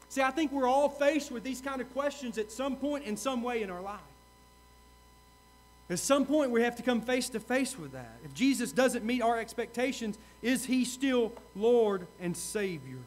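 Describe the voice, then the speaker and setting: A male pastor preaching a sermon, earnest, repeating key questions and swinging from loud to hushed. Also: very high voice.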